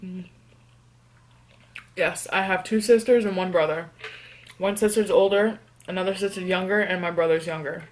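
A young woman from New York doing a casual eating vlog. She answers tag questions and hums between bites in a relaxed, chatty way. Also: on the low side, moderate pace, long pauses. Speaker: mukbang vlogger.

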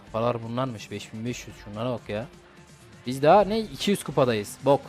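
A man's voice: medium pitch, very animated, a little fast, darkish tone. A young man giving casual, slangy gameplay commentary and swearing at his opponents. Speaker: gaming YouTuber. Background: game music.

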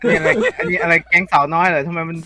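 A man's voice: a little high, steady tone, rapid-fire, crowd noise. A man in casual gameplay banter, often repeating his phrases insistently. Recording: faint noise and clicks behind.

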